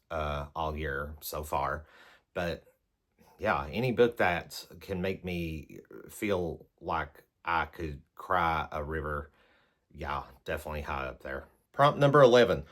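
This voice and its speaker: A book reviewer vlogs to camera in a low, fairly bright voice. He talks casually through a set of numbered prompts, rambling and hesitating along the way.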